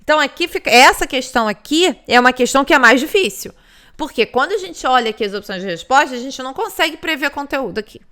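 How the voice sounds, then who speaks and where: Bright-voiced Brazilian woman teaching. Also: high voice, animated, quick pace. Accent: Brazilian Portuguese. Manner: explanatory, repeats points, many "né" and "tá". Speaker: English test teacher. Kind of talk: recorded lesson explanation.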